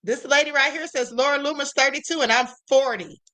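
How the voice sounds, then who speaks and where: A high-voiced woman hosts a live stream. She talks in a bright, sassy way, stretching out her asides for emphasis. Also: brisk. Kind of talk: casual commentary.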